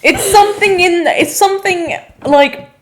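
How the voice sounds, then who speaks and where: A woman's voice: very high voice, unhurried, a little hiss or hum. A young English woman co-hosting a casual podcast, rambling and self-deprecating, swearing now and then. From England. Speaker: podcast co-host. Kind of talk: casual chat.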